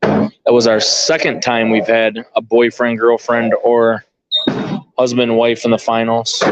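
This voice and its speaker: A man's delivery is completely flat, his medium-pitched voice moving at a measured pace. As commentator and organizer of a bowling tournament, he gives casual live sports commentary off the cuff, informally thinking aloud while following the play. Slight background noise sits under dull, lo-fi live stream audio.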